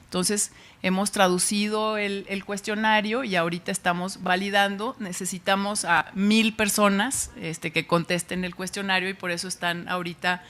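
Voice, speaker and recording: A Mexican woman with a Mexican Spanish accent, giving an informal public science talk in a chatty way, often pausing and restarting. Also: mid-range voice, little pitch movement, a bit bright. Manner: chatty, with frequent fillers and restarts.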